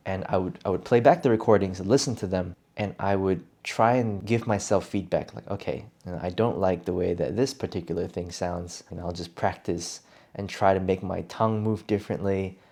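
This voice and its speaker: A young man with a fairly low voice and a gravelly, creaky edge talks through a casual solo podcast episode. He is an English coach speaking his native language. He sounds reflective and often restarts a phrase before finishing his thought. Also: darkish tone.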